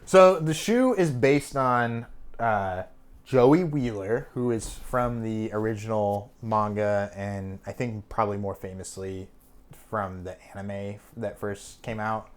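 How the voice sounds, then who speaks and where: A young man with a low-ish voice speaks slowly while co-hosting a podcast. He chats casually and rambles, with fillers and restarts along the way.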